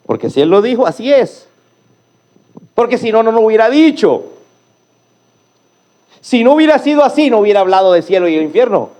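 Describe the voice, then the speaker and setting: A male pastor preaching a sermon with emphatic rhetorical questions, swinging between hushed low phrases and loud rising calls.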